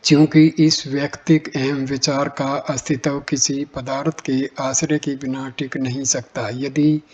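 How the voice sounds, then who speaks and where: A man reading spiritual teachings aloud in a measured, explanatory way. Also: medium pitch, level tone, breathy edge. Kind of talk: slow reading of a spiritual text. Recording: dull lo-fi recording.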